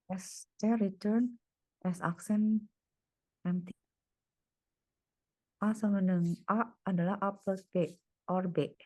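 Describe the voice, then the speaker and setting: Slow, thinking-aloud woman tutor. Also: fairly low pitch, a little mellow, no echo. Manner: thinks aloud, murmuring symbols step by step. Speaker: private tutor. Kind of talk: one-on-one tutoring, working through problems aloud.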